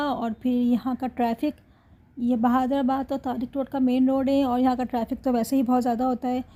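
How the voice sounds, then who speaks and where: A Pakistani woman vlogger with a high, warm voice narrates her family vlog in a chatty way. She laughs often and talks directly to her viewers.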